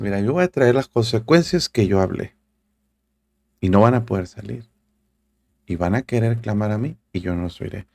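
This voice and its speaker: A male pastor preaching earnestly in a low, gravelly voice. He calls his listeners brother and reads scripture aloud between his points. The sound is dry and close. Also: a little mellow, no echo. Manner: reads scripture aloud, searches for verses mid-talk. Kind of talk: sermon.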